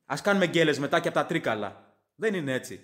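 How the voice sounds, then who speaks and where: A man, a native English speaker, hosting a podcast and reading fan comments out loud, sarcastic and opinionated. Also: on the high side, very animated. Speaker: podcast host.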